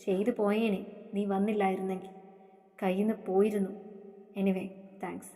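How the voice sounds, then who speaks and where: A woman's voice: mid-range voice, little pitch movement, normal speed, warm tone, close to an everyday voice. A woman voicing a menacing, possessive young husband in a storybook reading, taunting and jealous. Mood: brooding. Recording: long hall reverb.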